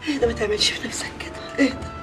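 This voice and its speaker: Actress playing a consoling Egyptian mother, quick soothing words, music under it. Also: fairly high pitch, close to an everyday voice. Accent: Egyptian Arabic. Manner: consoling, pleading. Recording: TV drama audio with music score.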